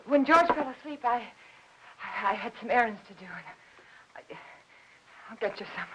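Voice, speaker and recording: An actress playing a nervous, evasive young wife who stammers and sounds breathless in a 1950s film. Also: female voice, fairly high pitch, animated, moderate pace, muffled recording, background noise, natural voice. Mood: flustered nervous.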